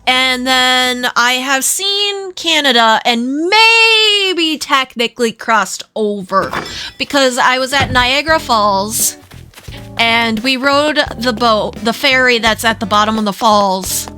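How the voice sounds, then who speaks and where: Minnesotan woman streamer, high-pitched, giggly casual chatter. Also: expressive, slow pace, bright, forceful tone, faint music behind. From Minnesota, USA. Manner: chatty, giggly, rambling aside to chat. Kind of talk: casual game-stream chat.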